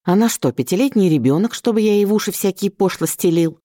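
A woman's voice: mid-range voice, animated, fast talker, mellow, dry recording, studio quality, voice pushed up, natural voice. A woman voicing an irritable middle-aged father who speaks curtly, grumbles and mocks. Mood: scornful. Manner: gruff, grumbling and sarcastic.

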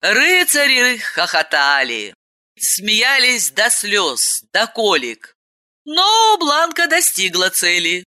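Lively, slow-reading woman storyteller. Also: medium pitch. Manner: expressive, dramatic storytelling. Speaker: audiobook narrator. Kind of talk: scripted narration.

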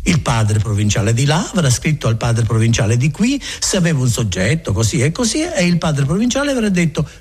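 A man voicing a chatty, kindly friar who talks in a garrulous, folksy, self-assured way, with a husky voice. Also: a little high, sing-song, brisk, hardly any pauses, a little mellow. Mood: rambling.

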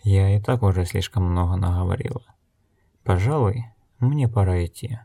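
A man reading an audiobook, voicing a calm, blind wandering woman who speaks in a measured, unhurried way. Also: low-pitched, creaky.

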